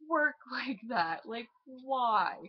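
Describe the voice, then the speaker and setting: A woman's voice: fairly high pitch, animated, drawn-out words, muffled recording, slight background noise. A young woman in her late teens giving a casual, profane, exasperated movie review and laughing often.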